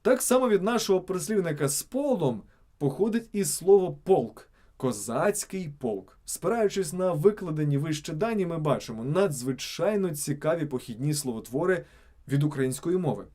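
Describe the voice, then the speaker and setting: A man reads scripted narration in a fairly high voice that swoops up and down with lively intonation. His tone is dark and mellow. He stresses example words one by one. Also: normal speed. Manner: emphatic, word-by-word reading of examples. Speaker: channel narrator.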